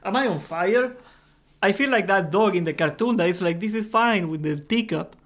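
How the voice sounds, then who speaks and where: A man's voice: high-pitched, moderate pace, a bit bright. A young man hosting a gaming livestream, chatting casually and jokingly, laughing often and swearing freely. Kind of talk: casual live-stream chat.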